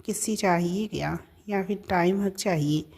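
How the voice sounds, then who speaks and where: A woman's voice: on the low side, measured pace, vocal fry, darkish tone, breathy edge, exaggerated voice. Narrator reads a petulant young woman in a family audio story, coaxing and touchy. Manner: cooing baby talk turning petulant. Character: coaxing young woman friend, quick-tempered.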